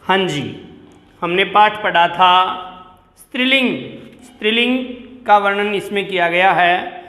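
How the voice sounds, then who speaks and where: A man teaching a Sanskrit lesson to children, slowly saying each word and repeating it for the pupils. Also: high-pitched, a bit bright. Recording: echoey room with long reverb.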